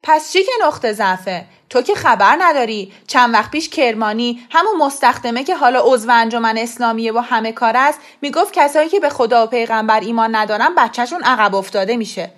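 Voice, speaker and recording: A woman reading aloud plays an enraged middle-aged father, anxious about his standing and harsh toward his family. His lines come loud and high-strung, raised in a running, scolding quarrel, in a storybook reading. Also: hardly any pauses, natural voice. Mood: angry, scolding. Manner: shouting angrily, scolding.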